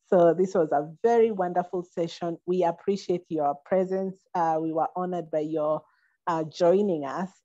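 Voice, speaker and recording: A woman's voice: on the low side, dry recording. Woman moderator on a dull call line. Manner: warm and thankful, reading out comments. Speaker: webinar moderator. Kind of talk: closing remarks and reading comments. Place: small indoor room. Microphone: phone or laptop on a video call. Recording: dull, dry video-call audio.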